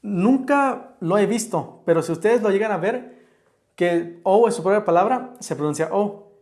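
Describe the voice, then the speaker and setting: A man's voice: high-pitched, expressive, moderate pace, darkish tone. A man teaching an online English pronunciation lesson, patiently explaining rules step by step with examples.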